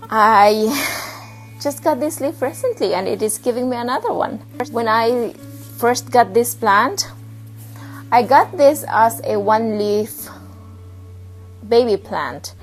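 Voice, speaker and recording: Soft music runs behind a woman's casual plant vlog, recorded indoors at home near a shelf of plants, and the audio is poor. Her voice is higher and her delivery unhurried; slightly out of breath, she chats along and pauses to find her words.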